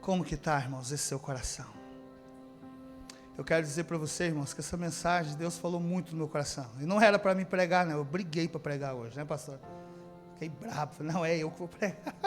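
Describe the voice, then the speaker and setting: A man from preaching a sermon as pastor, calling out to the congregation and swinging from shouting to near-whispering. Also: fairly high pitch, quick pace, soft background music. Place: church service.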